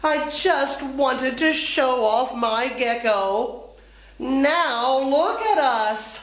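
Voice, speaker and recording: A woman reading the lines of an eager young schoolgirl in a storybook, in an earnest, excited way. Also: high-pitched, very slow, exaggerated voice. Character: eager young schoolgirl who brought her gecko. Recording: echoey room.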